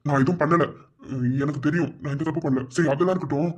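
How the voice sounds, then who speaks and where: A woman's voice: sits low, steady tone, fast, a little mellow, breathy edge. A woman voicing a defensive, flustered young man in a cartoon, with a Madurai Tamil accent. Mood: stern. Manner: defensive, blustering, threatening. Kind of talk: cartoon voice acting.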